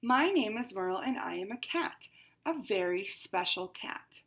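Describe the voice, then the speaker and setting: Reading a picture book aloud, a woman gives voice to a haughty, pampered house cat with fussy, dramatic exclamations. Her mid-range voice is expressive and slightly bright, and she never hurries, reading as a female-ish narrator.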